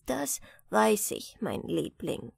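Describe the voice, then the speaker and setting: Woman doing a gentle old spinster, slow and soft-spoken, storybook. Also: high-pitched, sing-song, vocal fry, no echo, studio quality, voice pushed up, exaggerated voice. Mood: tender. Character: frail, kindly old spinster, tender and grateful.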